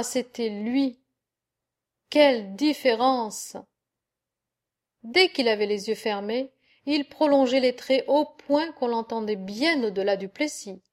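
A woman narrates a medieval animal tale for an audiobook. Her reading is slow and expressive, in a voice sitting slightly high. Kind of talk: storybook narration.

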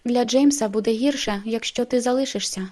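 A woman voicing a calm, self-assured young woman vampire who speaks with certainty in an audiobook reading. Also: fairly high pitch, brisk, voice pushed up, lightly acted. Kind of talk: audiobook character voice.

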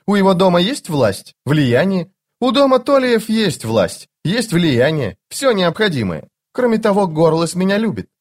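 A man voicing a sharp-tongued, haughty young noblewoman in an audiobook, speaking with scorn. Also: high-pitched, big pitch swings, a little slow, few pauses, pitched above the performer's own voice, heavily acted. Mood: scornful. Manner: scornful, scolding.

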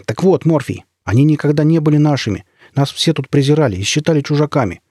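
A man's voice: a little high, fast, a little mellow, no room sound, clean studio sound, voice pushed up, natural voice. A man voicing an eager young male villager who rides a motorbike, speaking in a raised, urgent way.

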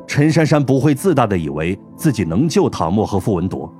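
A man narrating an audiobook in an expressive storytelling manner. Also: lowish voice, fairly quick, soft background music. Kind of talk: scripted narration.

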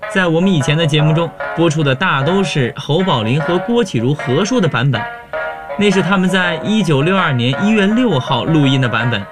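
A man narrating a program in a measured, scripted storytelling voice, a little higher than most. Clear music plays behind him throughout. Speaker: radio program host.

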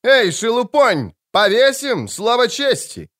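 A man voicing a blustering mustached baron knight who talks loudly, pompously and drawn out. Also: fairly high pitch, animated, moderate pace, gravelly. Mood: boastful shouting.

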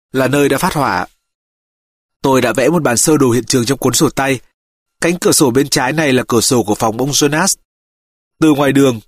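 A man reading an audiobook, voicing a calm, methodical male detective who reports his findings steadily. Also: medium pitch, breathy edge, dry recording, studio quality, close to an everyday voice.

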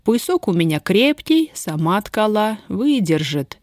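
Женщина читает реплики сердитой, резкой на язык молодой крестьянки, ругающейся простонародной речью. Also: female voice, medium pitch, big pitch swings, measured pace, a little mellow, no room sound, clean studio sound, voice pushed up. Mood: grim. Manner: gruff, scolding, folk speech. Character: grim, sharp-tongued young peasant woman, bound.

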